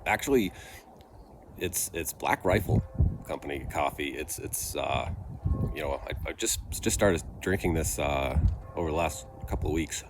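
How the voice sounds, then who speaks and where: A man giving a casual, rambling product review, thinking aloud haltingly with trailing pauses. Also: very deep voice, gravelly. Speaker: pipe tobacco reviewer. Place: outdoors in a light breeze. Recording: breezy outdoor vehicle-like background noise.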